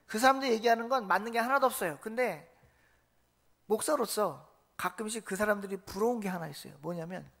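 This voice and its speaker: A man's voice: high voice, a bit bright. Male pastor, Sunday sermon, storytelling, asks the congregation questions. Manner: storytelling, quizzing the congregation, acting out quotes.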